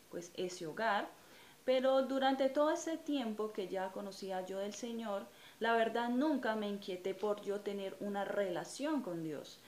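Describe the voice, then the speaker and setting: A Colombian woman in her thirties giving a personal religious testimony to camera, earnest and reflective, with frequent hesitant fillers. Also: mid-range voice. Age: 30s. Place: small indoor room in front of a curtain. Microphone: camera or phone at close range. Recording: echoey room with faint ambient noise.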